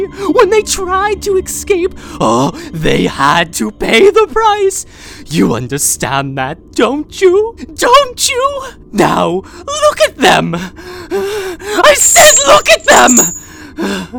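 A woman's voice: mid-range voice, wildly swooping pitch, slow pace, gravelly, heavily acted. A woman voicing an unhinged, possessive captor in an audio drama monologue, coaxing and sing-song one moment and screaming with rage the next. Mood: menacing. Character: unhinged possessive captor, sweetly menacing villain.

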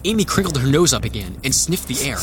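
An actor playing an earnest adventurer who narrates a tense audio drama in the first person. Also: male voice, medium pitch, very animated, fast talker, lightly acted. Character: earnest male adventurer recounting a tense story. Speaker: narrator and lead character.

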